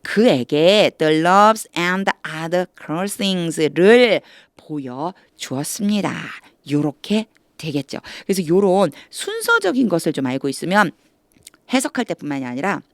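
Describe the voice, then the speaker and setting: A woman teaching English through Bible reading, who explains step by step, asks the viewer questions and reads English phrases slowly before explaining them. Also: lowish voice, big pitch swings, no room sound, clean studio sound. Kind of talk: explanatory lesson.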